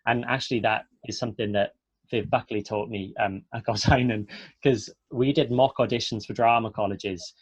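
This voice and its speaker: A south Wales actor with a Welsh accent gives students informal advice, sounding chatty, earnest and encouraging. His voice is medium in pitch, steady and slightly rough, at a normal speed. The dry recording comes from a close, dry online webinar call.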